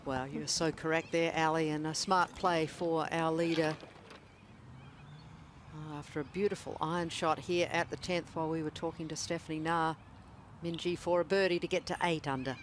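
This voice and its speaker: A man's voice: a little high, fairly even intonation, normal speed, slight background noise. A man giving live golf tournament commentary as a broadcast commentator.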